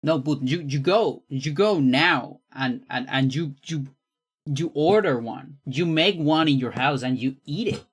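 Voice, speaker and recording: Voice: mid-range voice, measured pace, slightly rough. A streamer from Chile with a Chilean accent and Spanish as a first language, chatting casually and teasingly while playing a game. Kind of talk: casual livestream chat while gaming.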